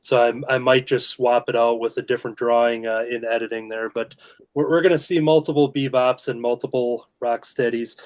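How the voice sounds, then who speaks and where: A man hosting a casual drawing show, talking in a relaxed way with frequent "uh" fillers. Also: mid-range voice, brisk. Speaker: host. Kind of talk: casual video-call chat while drawing.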